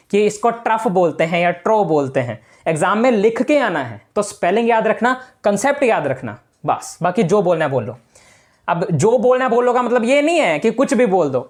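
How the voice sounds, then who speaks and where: A male teacher giving a casual physics lesson to students, talking informally and repeating the key points. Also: high voice.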